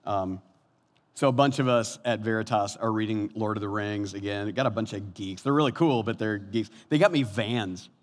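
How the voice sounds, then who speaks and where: Animated fifty-something man preaching in a hall. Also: normal speed. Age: 50s. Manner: animated, swings from soft and low to loud and high. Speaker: pastor. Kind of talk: sermon. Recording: long hall reverb.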